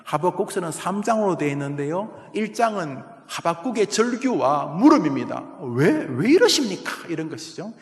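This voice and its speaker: A man preaches a sermon in a church sanctuary. His voice sits high and leaps from hushed narration to fervent, raised cries. The room gives it a long, roomy echo. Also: lively intonation, a little fast, hardly any pauses. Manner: swings from low storytelling to loud impassioned outcries. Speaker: pastor. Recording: echoey hall reverb of a church.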